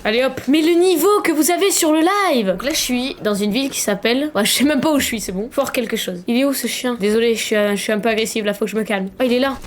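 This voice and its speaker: A young woman giving casual, slangy gaming commentary, excitable and swearing, with sudden loud shouts. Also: a little high, fast, hardly any pauses, slight background noise. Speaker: gaming streamer.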